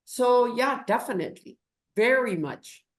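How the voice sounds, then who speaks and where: Slow-speaking Peruvian-born woman, echoey room. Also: fairly high pitch, animated. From Peru. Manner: slow, thoughtful, emphatic. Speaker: guest, business executive. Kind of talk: interview.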